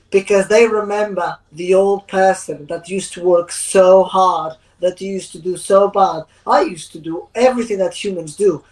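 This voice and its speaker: A woman's voice: on the low side, a little mellow, low-quality recording. A woman co-hosting a live spiritual question-and-answer show, talking in an earnest, rambling way with loose, non-native grammar. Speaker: co-host.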